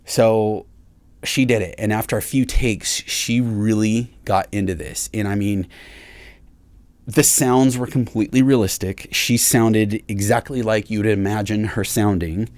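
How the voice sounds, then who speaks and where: A man with a fairly low voice tells a personal story in a relaxed, rambling way. He stumbles and restarts often and pokes fun at himself. The sound is close and dry, with no room around it. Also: dry recording. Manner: halting, self-deprecating, many fillers and restarts. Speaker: recording engineer. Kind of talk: casual storytelling to camera.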